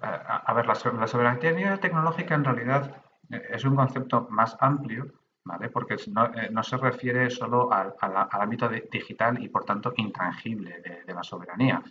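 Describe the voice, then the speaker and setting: The guest, a middle-aged data protection official from the Basque Country, Spain, speaks remotely from his own room in a brisk, sharp, mid-range voice. He explains conversationally but with many restarts and hesitations, and the recording has its highs cut off and slight background noise.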